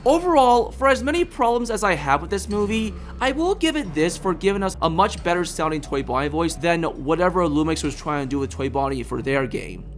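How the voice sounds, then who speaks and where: A man's voice: on the high side, big pitch swings, fairly quick, hardly any pauses, soft background music. A man hosting a video, delivering scripted review commentary.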